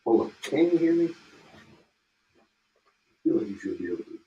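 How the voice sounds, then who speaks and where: A man of medium pitch, very animated and fairly quick with a breathy edge, co-hosts a podcast full of joking, meandering chat that trails off mid-thought. The recording has its highs cut off and echoes from his home mic.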